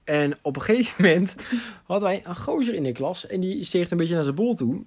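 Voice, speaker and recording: A young adult man casually telling a funny school story, animated and laughing as he goes, with lots of fillers. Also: high-pitched, fairly quick, slightly rough.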